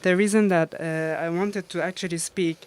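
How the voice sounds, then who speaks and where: A woman DJ chats through an interview. Her voice is smooth and resonant, and she laughs often as she tells her stories, with plenty of ums and uhs along the way. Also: lowish voice, fairly even intonation, normal speed. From Iran. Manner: laughs often, storytelling with many fillers. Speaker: DJ and guest. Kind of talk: casual interview.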